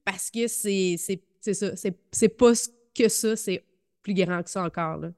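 A woman with a Québécois French accent hosts a podcast interview. She speaks reflectively and fills her pauses with hesitations. Her voice has a middle pitch for a woman. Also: a little mellow. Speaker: podcast host.

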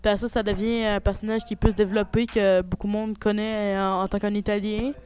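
A woman with a smooth, clear voice takes part in a casual conversation at a middle pitch. She speaks hesitantly, with halting phrases and fillers. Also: level tone, darkish tone. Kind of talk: casual chat.

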